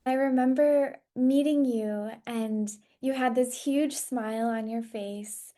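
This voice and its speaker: A woman from Hawaii hosts a podcast, questioning her guest over a video call in an enthusiastic, affirming way. Her voice is on the high side, mellow and steady in tone, and she speaks slowly.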